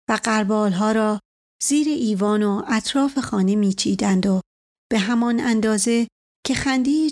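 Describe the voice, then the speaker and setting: A woman narrating a novel as an audiobook in a steady, measured reading. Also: mid-range voice.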